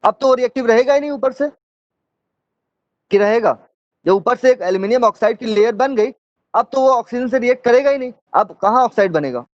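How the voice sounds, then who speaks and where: Guy teacher with a high voice doing an online lecture, keeps asking if it's clear, muffled lo-fi audio. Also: fairly quick, no echo. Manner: explains step by step with frequent check-in questions.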